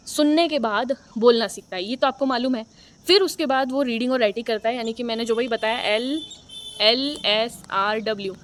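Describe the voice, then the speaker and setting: A young woman teacher giving an exam-prep lecture, explaining patiently, repeating her points and often checking in with her listeners. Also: sits high. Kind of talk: exam-prep lecture in Hindi mixed with English.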